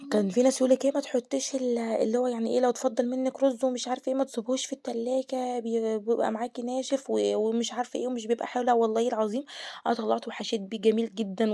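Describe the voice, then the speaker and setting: Egyptian lady walking viewers thru a recipe, super quick, dry close sound, chatty. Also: a little high, mellow, no echo. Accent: Egyptian Arabic. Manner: chatty, explains step by step to viewers. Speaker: cooking channel host. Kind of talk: home cooking tutorial. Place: home kitchen.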